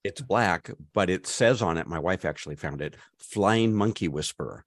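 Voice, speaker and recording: Deep-voiced man telling a rambling story. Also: normal speed. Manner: rambling, animated storyteller with many restarts. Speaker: podcast co-host. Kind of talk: casual chat, storytelling.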